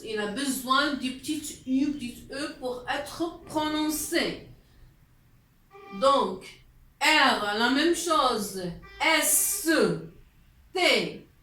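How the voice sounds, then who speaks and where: A woman's voice: a little high, fairly bright tone. A woman teaching a class, explaining letters patiently with frequent hesitations and repetitions. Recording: echoey room.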